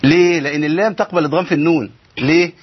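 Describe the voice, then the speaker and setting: Fast-talking husky Egyptian teacher. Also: male voice, a little high, dry recording, muffled recording. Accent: Egyptian Arabic. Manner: explanatory, poses and answers his own questions. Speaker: Quran recitation teacher. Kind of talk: tajweed lesson.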